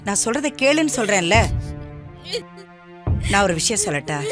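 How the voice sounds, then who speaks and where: An actress playing a brisk woman doctor who scolds staff sharply and questions a patient firmly but gently. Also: mid-range voice, lightly acted. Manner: stern, then gently coaxing.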